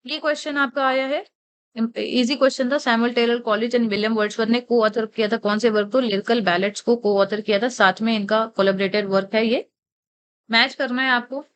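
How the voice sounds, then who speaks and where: A young woman with an Indian English accent, explaining exam answers step by step and reading the English questions out slowly. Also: on the high side, steady tone, smooth. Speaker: teacher. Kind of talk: exam answer walkthrough lecture.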